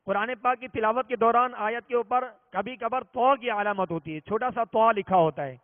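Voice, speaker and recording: A man with a very high-pitched voice teaches a religious reading lesson, patiently explaining and repeating each rule and slowing down to sound out examples. The audio is tinny and phone-like, with long reverb.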